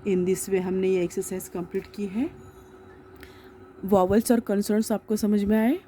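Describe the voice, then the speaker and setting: A woman's voice: medium pitch, flat delivery, normal speed, warm tone, slight background noise. A woman teaching a children's grammar lesson, mixing words into her talk. She spells each word letter by letter, asks questions and answers them herself.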